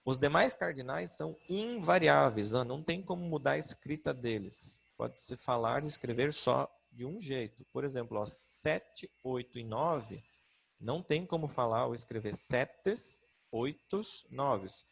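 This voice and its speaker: A man's voice: mid-range voice, animated, unhurried, creaky, husky. A middle-aged man with a Brazilian Portuguese accent teaching a grammar lesson, patient, often checking in with his students.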